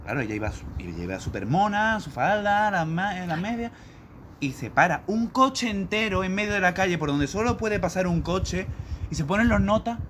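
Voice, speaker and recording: A man's voice: high voice, lively intonation, normal speed, fairly bright tone. Earnest man, noisy recording. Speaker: guest. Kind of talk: casual group chat.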